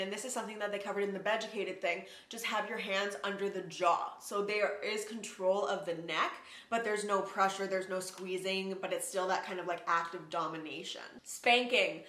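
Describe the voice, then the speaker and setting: A woman's voice: mid-range voice, a bit bright. A woman in her twenties talking frankly and casually as a sex-education vlogger, with lots of "like" fillers. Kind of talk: casual educational vlog talk. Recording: roomy echo.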